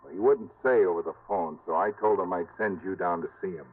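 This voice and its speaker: An actor playing a seasoned, cautious lawman in 1950s radio drama, speaking in a deliberate, confiding way. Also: deep voice, close to an everyday voice. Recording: vintage narrow-band radio.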